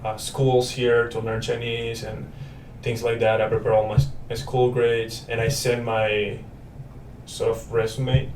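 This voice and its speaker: A man's voice: mid-range voice, little pitch movement, measured pace, a little mellow, recorded from a distance. Young man from Paraguay, Spanish native. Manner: friendly, loose and rambling, many fillers and restarts. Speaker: student guest. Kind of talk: casual interview chat. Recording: roomy, off-mic with faint noise.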